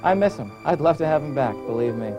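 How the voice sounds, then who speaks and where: Talent agent, man, fast showbiz patter, high voice. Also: expressive, muffled recording, music in the background. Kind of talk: comic interview.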